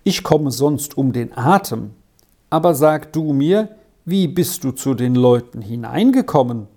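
Reader putting on a strict but kind woman scolding a kid, dark tone. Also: mid-range voice, expressive, a little slow. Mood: stern. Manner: warning, insistent. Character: stern, caring woman warning a child.

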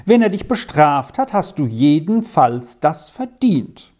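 A woman's voice: sits low, very animated, takes it slowly, warm tone, heavily acted. Woman as a firm, composed storybook mother. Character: calm firm mother, a magistrate's wife.

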